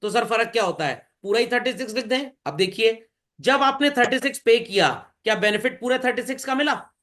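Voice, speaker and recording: A man's voice: extremely high pitch, lively intonation, a little fast, bright, forceful tone. A man teaching accounts to a class, asking questions and answering them himself as he explains. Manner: questions students and answers himself, mixing Hindi and English; calls listeners bhai and children. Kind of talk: classroom lecture.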